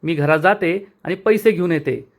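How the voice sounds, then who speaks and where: A man voicing a quick-tempered, irritated young woman who snaps back, retold in a serial recap. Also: fairly high pitch, vocal fry. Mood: exasperated. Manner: snappy, exasperated.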